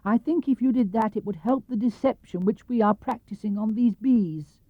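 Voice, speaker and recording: High, earnest Winnie the Pooh. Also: male voice, normal speed, no echo. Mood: earnest, scheming. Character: earnest, naive, plotting toy bear. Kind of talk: 1970s storybook reading. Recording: muffled vintage cassette or LP sound.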